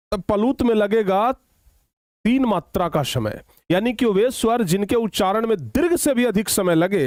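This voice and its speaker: A man teaching children a grammar lesson, repeating phrases slowly for dictation and often checking whether they have understood. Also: high voice, darkish tone, no room sound, clean studio sound. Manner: slow, repetitive dictation, drawing out words; addresses students affectionately, checks understanding often.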